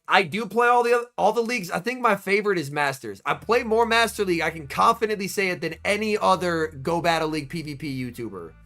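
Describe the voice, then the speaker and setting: A young man, a bit under the weather, giving chatty, excitable live-stream commentary at a tournament watch party and answering his chat by name. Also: sits high.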